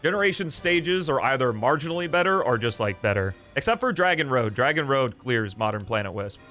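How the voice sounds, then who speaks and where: This young live streamer talks casually from a small foam-treated room, loud and meandering, throwing in plenty of fillers and jokes. His mid-range voice is animated and a little fast, with soft music in the background.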